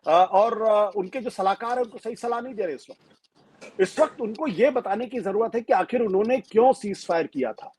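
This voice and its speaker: A man speaking as a political commentator in an interview, measured and emphatic, with frequent fillers and restarts. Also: high voice, darkish tone, husky.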